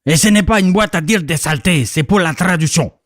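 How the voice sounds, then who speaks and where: A man voicing a fussy male inventor, excitable and sprinkling in words, in a comedic radio play. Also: a little high, brisk, no echo, studio quality, voice pushed down, close to an everyday voice. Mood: explaining. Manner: excitable, peppers speech with Italian words. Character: fussy Italian male inventor, anxious servant.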